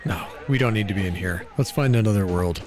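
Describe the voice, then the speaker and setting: A man's voice: sits low, fast talker. A young adult man live streaming in a VR game's voice chat. He talks casually and mocks and teases the strangers he meets. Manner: brash, mocking, teasing strangers. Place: online voice chat in a VR game.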